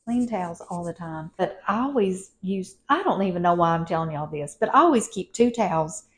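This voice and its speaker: A woman's voice: fairly low pitch, expressive, a little fast. A woman, chatting casually in a rambling, folksy way as she tidies her home and talks to viewers on a clip-on mic. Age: 50s. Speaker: lifestyle vlogger. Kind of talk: casual home vlog chat. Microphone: wired clip-on mic.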